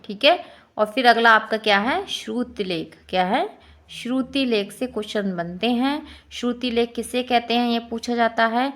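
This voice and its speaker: Woman teacher, fairly high voice, Indian accent, exam-prep lesson, quizzes listeners by repeating answers. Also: animated, moderate pace, fairly bright tone. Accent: Hindi-belt Indian. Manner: repeats each answer as a quiz question.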